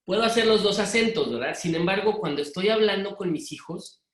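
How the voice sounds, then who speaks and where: A middle-aged man from Mexico City with a Monterrey-influenced Mexican accent, giving a parenting workshop talk to a live audience in a hurried, direct way. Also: high voice, a bit bright, roomy sound. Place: room with an audience.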